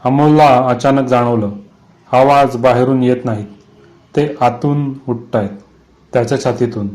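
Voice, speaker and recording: A man narrating a scripted horror story in a measured, suspenseful way. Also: mid-range voice, steady tone, darkish tone, poor audio.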